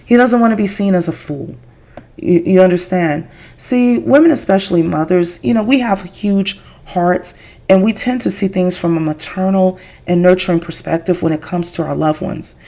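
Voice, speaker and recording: A woman's voice: fairly low pitch, normal speed, dark tone. A woman vlogger giving blunt, emphatic opinion commentary on a viral video. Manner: emphatic, direct, lecturing.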